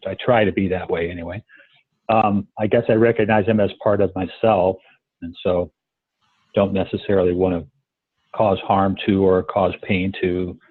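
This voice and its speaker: Halting, thoughtful man on a tinny line. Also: low-pitched, flat delivery, slightly rough, no room sound. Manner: thoughtful, halting, many ums. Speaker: coaching student. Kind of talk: live coaching demonstration. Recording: tinny phone-like call line.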